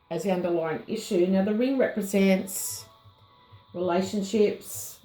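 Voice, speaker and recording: A woman giving a casual tarot reading, slightly hoarse and unhurried, pausing often with ums as she muses over the cards. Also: medium pitch, mellow, reverberant, low-quality recording. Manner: unhurried, musing, many ums and pauses. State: slightly hoarse, losing her voice. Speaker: tarot reader.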